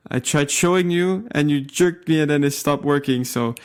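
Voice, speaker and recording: A young man from Canada co-hosting a casual tech podcast, talking in a relaxed, easygoing way and laughing along with his friend. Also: on the high side, moderate pace, smooth. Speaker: podcast co-host.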